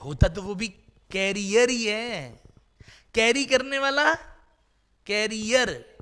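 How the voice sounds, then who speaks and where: A man's voice: extremely high pitch, expressive, slow pace, pushed and bright. A man teaching English vocabulary in a classroom, quizzing students with repeated questions in a playful way.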